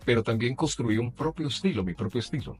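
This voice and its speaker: A middle-aged man from Colombia, a journalist and announcer, telling animated anecdotes in a casual interview and laughing often. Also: mid-range voice, fast talker, breathy edge, faint music behind.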